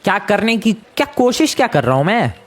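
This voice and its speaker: A man giving casual game commentary, excitable and exclaiming, talking to his viewers as friends. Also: sits high, a little fast. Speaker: gameplay commentator.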